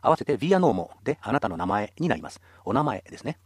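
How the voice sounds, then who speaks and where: A man's voice: mid-range voice, big pitch swings, fast talker, slightly rough, dry recording, clean studio sound. A man teaching a radio language lesson, explaining patiently and encouraging listeners.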